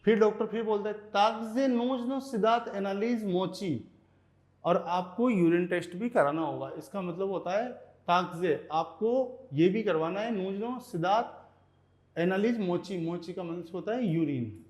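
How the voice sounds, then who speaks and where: A man teaching Russian vocabulary in Hindi, repeating each word slowly and checking in with "okay" as he goes. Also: high voice, animated, darkish tone. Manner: repeats words slowly, often says "ठीक है". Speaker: language teacher.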